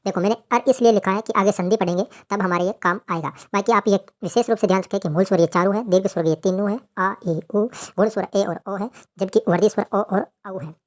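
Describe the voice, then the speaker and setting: A woman's voice: mid-range voice, a little fast, few pauses. A woman teaching grammar in a lecture, asking questions and then answering them herself.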